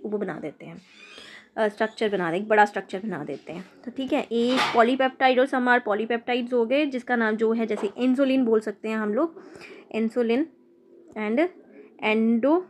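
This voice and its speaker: A woman's voice: fairly high pitch, normal speed, slight background noise. A young woman teaching chemistry in a casual lecture, repeating terms and spelling them out letter by letter. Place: sitting downstairs with traffic outside.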